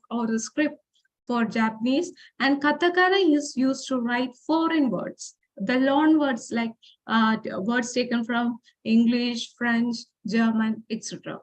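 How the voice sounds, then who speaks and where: Woman, high voice, informal lecture, explains step by step with pauses and fillers. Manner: explains slowly with frequent fillers and restarts; reads example phrases aloud. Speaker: forum speaker.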